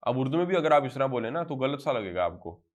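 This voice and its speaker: A man's voice: mid-range voice, very animated. Pakistani man teaching a drill class. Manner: drills examples slowly, then explains in quick bursts. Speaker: Arabic teacher. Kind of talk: classroom lecture.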